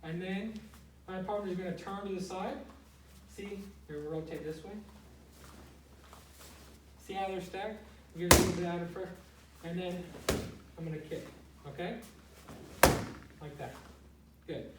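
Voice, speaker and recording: A man with a high-pitched, fairly even voice gives a casual, step-by-step martial arts lesson, speaking unhurriedly with long pauses. He explains things plainly and keeps checking in with "okay." The audio is roomy and noisy, picked up by a distant microphone.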